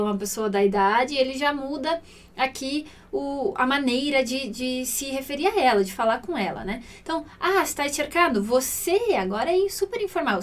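A woman with as her teaches Italian, explaining a dialogue patiently and reading the Italian lines slowly. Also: high voice, distant mic. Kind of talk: language lesson explaining a dialogue.

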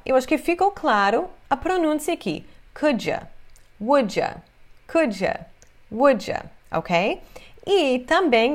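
Slow, animated woman teaching English. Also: mid-range voice. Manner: repeats phrases slowly for pronunciation, animated gestures. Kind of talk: online English lesson for Portuguese speakers.

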